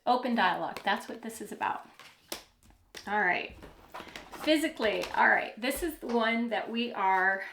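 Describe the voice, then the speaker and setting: A woman's voice: medium pitch, gravelly, pushed and bright, roomy sound, a little hiss or hum. A middle-aged woman doing a psychic card reading, musing aloud, trailing off and restarting her sentences. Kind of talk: channeled card reading monologue.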